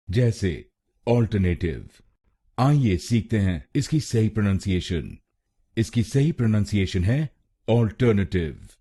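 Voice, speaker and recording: A man with an Indian accent teaches pronunciation in an unhurried, methodical way, repeating each syllable. His voice sits low and dark, with a husky edge. His pitch moves in wide, lively swings. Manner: slow, deliberate syllable-by-syllable drilling with repetitions. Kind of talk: scripted pronunciation lesson.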